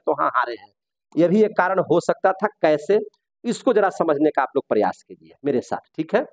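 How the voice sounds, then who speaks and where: High-voiced teacher, dry sound. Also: male voice, dry recording. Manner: rhetorical questions, repeats key words for the class; fervent patriotic asides. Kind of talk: classroom lecture.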